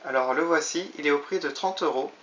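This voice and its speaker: Male toy reviewer, fairly high voice, chatty and hesitant, muffled lo-fi camera mic. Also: brisk, fairly bright tone, slight background noise. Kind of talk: casual product review. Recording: slightly dull lo-fi recording.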